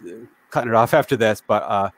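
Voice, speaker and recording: Chatting on a casual livestream via video call, this New York-area host reads viewer comments aloud with a self-deprecating, talkative streak. His voice sits on the low side, expressive and quick, with no room sound at all.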